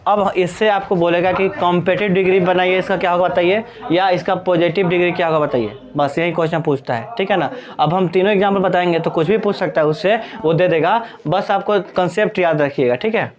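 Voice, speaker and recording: A man teaches an English grammar lesson in Hindi, with a voice that sits somewhat high for a man. He is patient and repeats each point, asking the class again and again whether they follow. He dictates examples slowly, word by word. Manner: addresses students fondly as "Babu".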